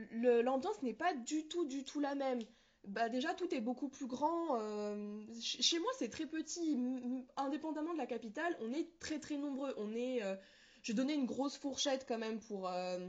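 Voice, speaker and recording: A woman's voice: fairly high pitch, darkish tone, lo-fi sound. A woman from New Caledonia answers interview questions casually, searching for words and correcting herself. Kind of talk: casual interview answers about personal experience.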